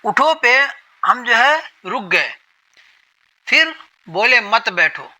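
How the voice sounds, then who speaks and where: A man's voice: very high voice, big pitch swings, pushed and bright, low-quality recording. A man teaching a lesson on Quran reading, who repeats each point and asks questions that he then answers himself. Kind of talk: explanatory lesson.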